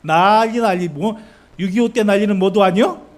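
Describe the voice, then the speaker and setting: Lively male pastor preaching to his church. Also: on the high side, normal speed. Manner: lively, questioning the congregation, acting out voices. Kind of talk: sermon. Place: church sanctuary.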